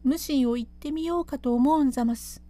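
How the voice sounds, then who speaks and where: A woman doing a calm courtesan of an old pleasure house, speaking low and measured in courtesan speech. Her voice sits slightly high yet dark and mellow, as in a classic told tale. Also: lightly acted. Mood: calm, quiet. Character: calm composed courtesan, steady and quiet.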